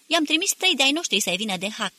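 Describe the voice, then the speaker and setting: A woman voicing a rough, blunt male militia fighter in an audiobook, pitched up and loud. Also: big pitch swings, heavily acted. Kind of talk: audiobook character reading.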